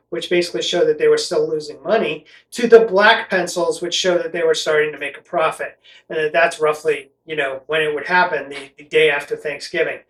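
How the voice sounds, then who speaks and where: A man's voice: high-pitched, a bit bright. A middle-aged American man from Connecticut chatting casually and explaining things in a rambling, conversational way as a vlog host. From Connecticut, United States. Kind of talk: casual explainer chat to camera. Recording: roomy echo, distant mic.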